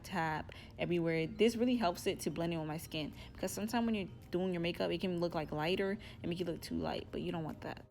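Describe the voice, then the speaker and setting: A young woman talking casually through a makeup tutorial and telling a story in a chatty, animated way. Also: fairly low pitch, slight background noise. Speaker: beauty vlogger.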